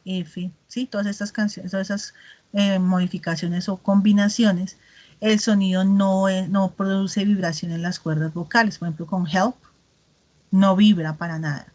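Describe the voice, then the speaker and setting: Woman, English teacher, video-call class, patient and explanatory, mid-pitched voice. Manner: patient, explanatory, modeling English words slowly.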